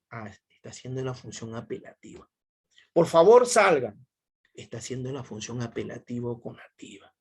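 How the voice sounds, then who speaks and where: A male teacher gives an online class lecture over a video call, often repeating himself and quizzing his students. His voice is mid-range, mellow and husky.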